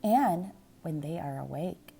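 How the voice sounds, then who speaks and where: A woman's voice: fairly low pitch, animated, slow, gravelly, mellow, exaggerated voice. A woman voicing a jolly, good-natured, eager Santa Claus with kindly, cheerful speech in a children's storybook. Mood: pleased.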